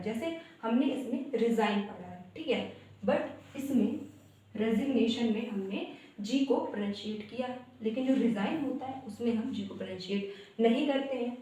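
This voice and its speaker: A woman's voice: fairly high pitch, warm tone. A young woman teaching English pronunciation in Hindi. She spells each word out letter by letter and explains it step by step. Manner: explains step by step, spells words out letter by letter, keeps saying "guys". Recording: very echoey room, voice from a distance.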